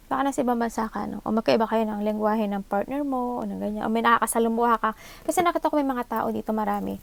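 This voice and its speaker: High, gravelly Filipino woman reading tarot. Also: a bit bright. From Philippines. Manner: thinks aloud, mixes English into Tagalog, asks for agreement with short tag questions. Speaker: tarot reader. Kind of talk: live tarot card reading. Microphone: own microphone.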